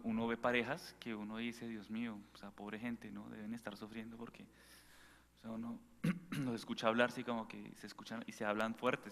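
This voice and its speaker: Animated priest preaching in an echoey hall. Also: male voice, on the low side. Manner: animated, full of rhetorical questions. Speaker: priest giving a retreat talk. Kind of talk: informal sermon.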